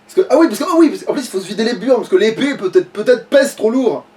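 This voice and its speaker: A let's player chats casually through a video game, swearing and muttering as he repeats himself. His high voice is expressive, quick and a little mellow. The mic sits at a distance, with faint background noise.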